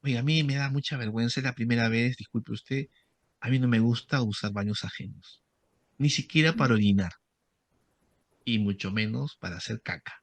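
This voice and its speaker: A man's voice: mid-range voice, moderate pace, dry recording, pitched below the performer's own voice, close to an everyday voice. A man acting out the words of a nervous married male patient who confesses hesitantly and apologetically. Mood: embarrassed.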